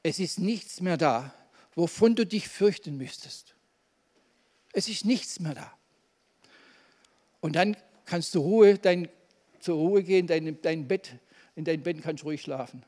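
High-voiced German preacher in a reverberant hall. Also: male voice, measured pace, pauses often, a little mellow. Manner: emphatic preaching with Amens and questions to the congregation. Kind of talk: sermon. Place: church hall.

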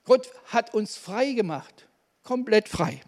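Male preacher, high voice, fervent sermon delivery with Amens, big reverberant church hall. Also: expressive, slow, darkish tone. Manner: emphatic preaching with Amens and questions to the congregation.

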